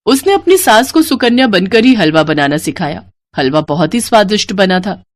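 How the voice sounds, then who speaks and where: A woman narrating a cartoon storybook in an even, expressive way. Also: mid-range voice, normal speed, no echo.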